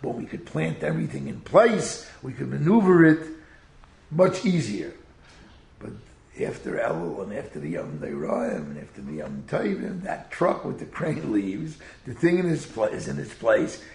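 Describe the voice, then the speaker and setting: A man preaches informally in a very gravelly, creaky voice with a Yiddish-inflected American accent. His delivery swings up and down like an animated storyteller's, with Hebrew and Yiddish words mixed in. The room around him is echoey. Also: medium pitch, moderate pace. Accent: Yiddish-inflected American English. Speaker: rabbi giving a Torah talk.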